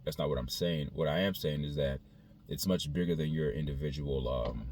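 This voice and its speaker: A man speaking in a casual, reflective monologue to his viewers, haltingly, repeating phrases as he thinks aloud. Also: a bass voice, darkish tone, slight background noise. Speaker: video creator.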